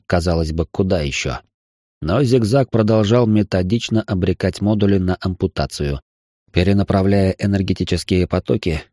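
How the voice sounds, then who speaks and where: Guy reading a sci-fi audiobook, low mellow voice, steady. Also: dry recording, clean studio sound. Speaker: audiobook narrator. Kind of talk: scripted first-person narration.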